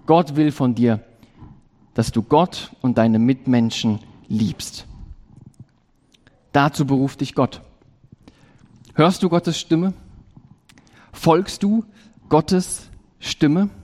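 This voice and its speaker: A man preaching a sermon, slow and emphatic, repeating key phrases with rising stress. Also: fairly high pitch, a little mellow. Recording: long reverb of a large hall.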